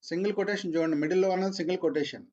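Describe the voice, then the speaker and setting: A man's voice: high voice, fairly even intonation, rapid-fire, a little mellow, dull audio. A man teaching a programming class online, repeating his points patiently. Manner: repeats points, mixes English into Telugu.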